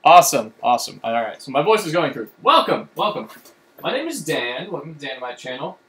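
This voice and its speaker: Streaming from home, this man rambles through an explanation of a card game, full of fillers and false starts. He sounds on the high side and sing-song, fairly quick and fairly bright, in an echoey room with a faint background hum.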